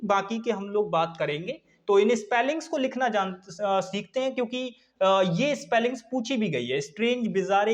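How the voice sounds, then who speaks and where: A young man teaching a vocabulary lesson online, repeating each point and answering his own questions for his students. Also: sits high. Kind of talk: online exam-prep lesson.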